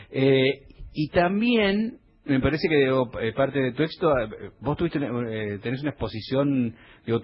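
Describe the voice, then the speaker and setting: Husky, animated Argentine male interviewer. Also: mid-range voice, muffled recording. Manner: teasing, hesitant phrasing. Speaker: radio interviewer. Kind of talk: casual interview.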